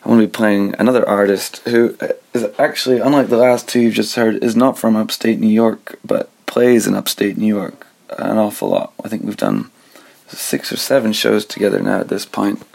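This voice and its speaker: A young male radio host from Scotland with a gravelly voice that sits a little low. He talks in a relaxed, conversational way, as if thinking aloud while he introduces the next song. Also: moderate pace. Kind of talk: casual radio presenting.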